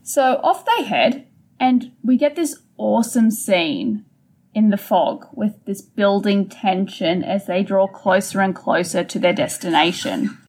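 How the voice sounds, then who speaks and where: A woman's voice: mid-range voice, measured pace. A woman co-hosting a book podcast, steadily retelling the plot in a casual conversational way. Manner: steady storytelling, summarizing the plot. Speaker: podcast co-host.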